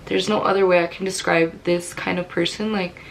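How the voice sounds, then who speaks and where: A woman's voice: fairly low pitch, fairly even intonation, a little fast, vocal fry, slight background noise, rough recording. Candid young woman telling a story. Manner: candid, rambling, many "like" fillers. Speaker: vlogger. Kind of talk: personal storytelling to camera.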